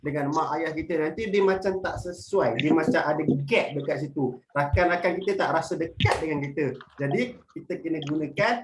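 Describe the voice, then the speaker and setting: Over an online video call with noisy audio, a young man with a slightly high voice runs a webinar workshop for primary pupils, talking fairly quickly with few pauses. Upbeat and playful, he calls himself big brother and leads call-and-response drills.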